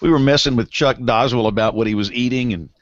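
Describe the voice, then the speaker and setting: A man with a medium-pitched voice talks at a quick pace, the audio dull but free of echo. He hosts a weather podcast from a broadcast studio, opening the show with loose, laughing banter and casual chat.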